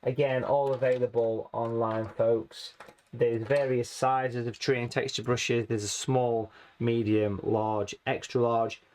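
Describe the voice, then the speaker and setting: A man teaching watercolour painting in a chatty, friendly way, his voice a little hoarse and rusty from hay fever. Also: mid-range voice, flat delivery, slow pace, a little mellow. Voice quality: rusty, slightly raspy. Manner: chatty, friendly, calls viewers folks. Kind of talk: casual painting tutorial.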